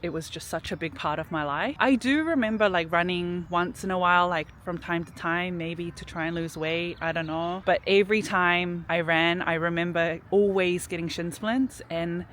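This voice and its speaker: A woman talks through her personal story in a relaxed, reflective way, dropping plenty of casual fillers. She records outdoors in a city park, with faint traffic behind her. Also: on the low side, normal speed, hardly any pauses. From New Zealand. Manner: reflective, chatty, frequent "like" fillers. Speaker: vlogger.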